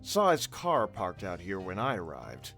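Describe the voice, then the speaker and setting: A man voicing a calm, quietly knowing pizzeria owner in a fan animation, with an understated manner. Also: sits low, unhurried, soft background music, full character voice.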